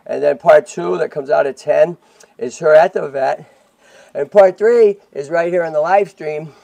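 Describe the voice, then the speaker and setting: Male livestream host, rough fry-edged voice, chatty, keeps asking "right?", dry sound. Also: a little high, measured pace, mellow, no room sound. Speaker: host of a tortoise rescue livestream. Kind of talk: casual livestream chat.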